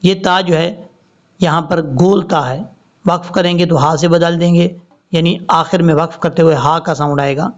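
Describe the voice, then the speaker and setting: A male Quran teacher explaining tajweed rules and reciting each word slowly and drawn out. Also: fairly high pitch, steady tone. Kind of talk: tajweed lesson with slow recitation. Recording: slightly dull lo-fi audio.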